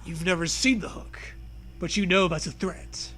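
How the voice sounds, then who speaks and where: Hosting a comedy show, a man reads parody fiction aloud in a mock-dramatic style, bantering and often breaking into laughter mid-read. His voice is high and a bit bright, his pace normal, with faint music in the background.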